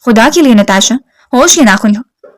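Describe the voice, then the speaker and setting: A woman voicing a proud, stubborn young woman who answers with sharp, defiant retorts. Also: on the high side, animated, no room sound, natural voice. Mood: scolding.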